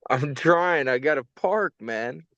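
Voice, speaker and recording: A man's voice: fairly high pitch, lively intonation, a bit bright, no room sound. A man co-hosting a podcast, talking casually from his car in an underground parking garage over a call that sounds muffled and underwater. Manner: casual, halting, breaking off mid-phrase. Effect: muffled, underwater-sounding call connection. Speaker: podcast co-host. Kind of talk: casual fantasy football chat. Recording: dull lo-fi call audio.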